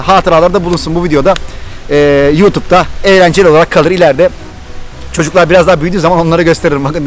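A middle-aged Turkish man with a Thracian accent tells a story to his vlog audience, talking fast and eagerly. His voice sits a little high, and faint music plays behind him. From Turkey. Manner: excited, animated storytelling. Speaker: vlogger.

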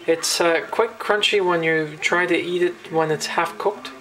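A man's voice: fairly high pitch, unhurried, rough recording. Rambling man from New cooking. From New Brunswick, Canada. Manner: relaxed, rambling, many fillers and restarts. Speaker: home cook. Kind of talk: casual cooking vlog. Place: home kitchen. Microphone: handheld camera.

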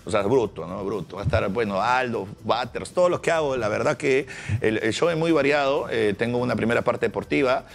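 A man's voice: medium pitch, fairly quick, vocal fry, faint music behind. A man from Peru, chatting casually as an impressionist guest in an interview. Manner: chatty, bursts into voices.

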